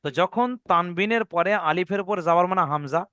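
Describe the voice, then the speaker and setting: A man's voice: high voice, a little fast, pushed and bright, clean tone, no echo. A man teaching Quran recitation rules in an online lesson, patiently repeating each rule and checking that his students follow.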